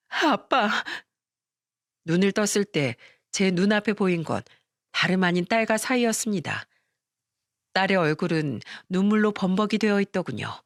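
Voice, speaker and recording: Woman narrator, calm measured story reading, mid pitch, dry close mic. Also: dry recording. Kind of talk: first-person story narration.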